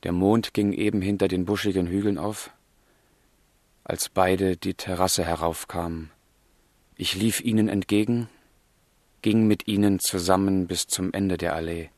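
In a literary radio drama mixing dialogue and letter monologue, a male actor plays a passionate, brooding young man of the 1770s with fervent, declamatory delivery. His voice is low, steady, and a little mellow at a measured pace, in a dry recording. The mood is wistful and tender.

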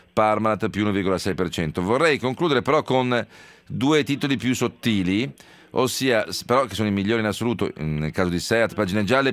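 A low-voiced man hosts a live radio economics show, rattling through share prices with plenty of "eh" fillers. The studio sound is dry and close, with no room around it. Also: fairly bright tone, clear, resonant tone, dry recording. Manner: brisk market rundown, many fillers. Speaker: radio host. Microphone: studio mic.

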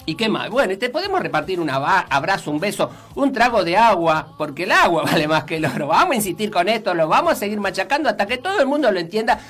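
A woman's voice: mid-range voice, sing-song, fast, few pauses, a bit bright. A woman with an Argentine accent hosting a children's radio show, chatting playfully and putting riddles and questions to her listeners.

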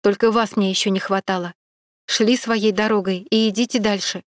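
A woman voicing a frightened young woman who hides her fear behind sharp, defiant retorts. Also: medium pitch, steady tone, moderate pace, dry recording, studio quality, lightly acted. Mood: angry.

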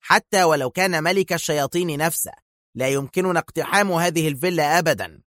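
A man's voice: on the high side, fast, a bit bright, dry recording, clean studio sound, pitched above the performer's own voice, close to an everyday voice. A man voicing a nervous, agitated male police chief.

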